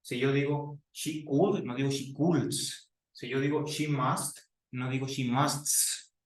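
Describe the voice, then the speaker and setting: A man giving a classroom English grammar lesson, explaining slowly and repeating example sentences. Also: medium pitch, fairly even intonation, distant mic. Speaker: English teacher. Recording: roomy echo, voice from off mic.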